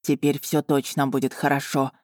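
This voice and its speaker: A woman's voice: a bass voice, flat delivery, normal speed, a little mellow, no room sound, clean studio sound, pitched below the performer's own voice. A woman voicing an anxious, timid young heroine in an audiobook, speaking hesitantly. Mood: quiet.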